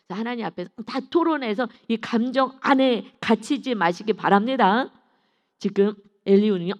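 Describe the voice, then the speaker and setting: A woman preaching an early-morning Bible sermon, emphatic and emotional, moving between loud and soft. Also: mid-range voice, vocal fry, long reverb tail. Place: church sanctuary.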